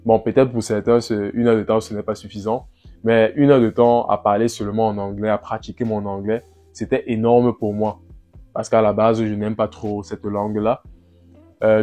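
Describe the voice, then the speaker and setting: A man talking casually in a vlog, relaxed and repetitive, often restarting phrases and pausing on fillers. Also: on the low side. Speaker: vlogger. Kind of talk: casual first-person vlog.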